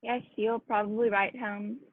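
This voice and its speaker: A woman's voice: mid-range voice, flat delivery, moderate pace, no room sound, lightly acted. A woman playing an earnest male doctor, a detective's loyal companion, with proper old-fashioned speech in a radio play. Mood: subdued. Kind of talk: 1940s-style radio play acting. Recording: tinny, phone-like, dry audio.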